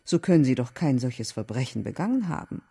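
Man doing a nosy young woman lodger in a raised, husky voice, audiobook reading. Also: mid-range voice, sing-song, a little fast, dark tone, voice pushed up, exaggerated voice. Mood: curious, teasing.

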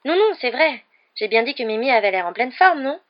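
A woman's voice: high voice, very animated, fairly quick, voice pushed up. Hermione, a chirpy schoolgirl read by a woman. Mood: fake cheerful. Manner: falsely chirpy. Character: clever schoolgirl, fake cheerful. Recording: dull lo-fi recording.

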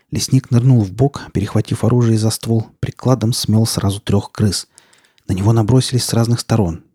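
A man reading an audiobook as narrator, in a tense, gritty storytelling manner with steady, measured delivery. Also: fairly low pitch, husky, no echo, studio quality.

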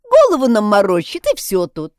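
A woman's voice: high-pitched, huge pitch swings, unhurried, a little mellow, no echo, clean studio sound, voice pushed up, exaggerated voice. A woman doing a cheeky, mocking housemaid.

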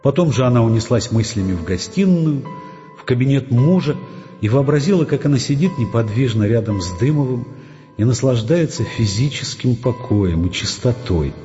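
A man narrating a literary audiobook in an expressive, measured way. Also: medium pitch, dull audio, soft background music.

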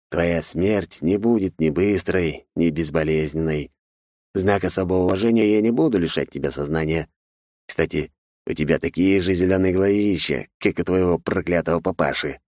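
A man reading an audiobook, voicing a cruel, gloating sorcerer who speaks slowly and mockingly. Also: low voice, animated, darkish tone, dry recording, studio quality. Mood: menacing. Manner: slow, mocking, menacing. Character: cruel grown male sorcerer, gloating and sadistic.

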